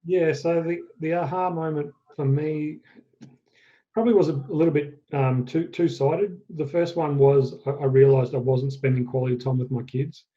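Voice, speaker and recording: A man in his forties from Queensland with an Australian accent, telling his story as a podcast guest in a halting, self-correcting way. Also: on the high side, steady tone. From Australia, central Queensland. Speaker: guest, fitness business owner. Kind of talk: casual interview storytelling. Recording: dull lo-fi podcast audio.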